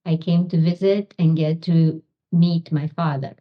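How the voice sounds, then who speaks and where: A Romanian-born woman in middle age answers interview questions at a very unhurried pace, pausing often with ums. Her voice sits a little low, and the recording sounds dull and lo-fi. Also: level tone. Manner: slow, halting, many ums. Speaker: guest, physician and author.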